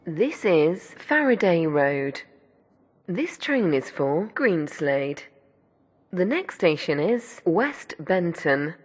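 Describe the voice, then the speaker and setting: A woman voicing an automated onboard train announcer, reading scripted station announcements in a measured, formal way over train noise. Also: sing-song, full character voice. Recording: clear train rumble noise. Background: train vehicle ambience in a simulator game.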